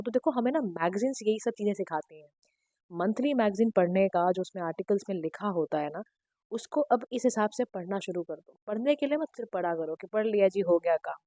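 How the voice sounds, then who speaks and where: A woman teacher, giving an exam-prep lecture in a direct, instructive way, her throat slightly hoarse. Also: mid-range voice, dark tone, no echo. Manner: direct, instructive, mixing Hindi and English. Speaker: current affairs teacher.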